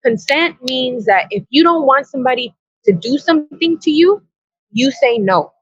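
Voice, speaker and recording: Blunt, high-voiced woman telling a story. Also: animated, normal speed, husky, no echo. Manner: blunt, profane, earnest. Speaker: podcast guest. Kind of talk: candid storytelling with reported dialogue. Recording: dull, dry lo-fi sound.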